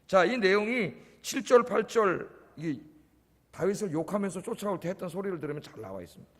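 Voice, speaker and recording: A man's voice: high-pitched, big pitch swings, a little fast. A male pastor giving a conversational sermon at a church service, often prompting the congregation with short questions. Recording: echoey church hall.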